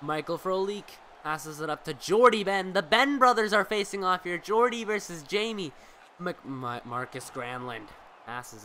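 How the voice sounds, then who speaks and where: Excitable young-sounding man calling game hockey. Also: high-pitched, slight background noise. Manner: excitable, bursts into loud shouts on big plays; casual and profane asides to viewers. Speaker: streamer doing play-by-play. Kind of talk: amateur play-by-play commentary of a hockey video game.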